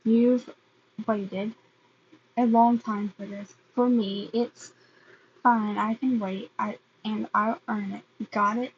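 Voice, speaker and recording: A woman voicing a gruff, hot-tempered teenage boy in a fan fiction reading. She speaks haltingly and restarts her phrases often. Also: mid-range voice, fairly even intonation, lo-fi sound, a little hiss or hum, close to an everyday voice. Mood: earnest.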